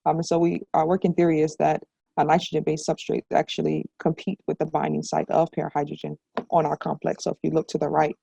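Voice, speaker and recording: A woman's voice: low-pitched, vocal fry, warm tone, slightly rough, no echo, low-quality recording. A young woman researcher giving a semi-formal scientific presentation on a video call.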